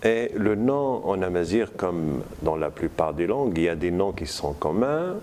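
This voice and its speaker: A man giving a university lecture, slow and deliberate, with many hesitations. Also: sits low, sing-song, darkish tone.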